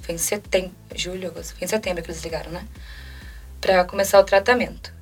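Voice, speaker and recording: A Brazilian woman in her twenties talks fast and emotionally, jumping into quoted lines of dialogue as she retells a personal story. She sits a bit back from the mic, and faint music plays underneath. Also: lowish voice, fairly even intonation, breathy edge, far from the mic. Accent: Brazilian Portuguese. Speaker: interview guest.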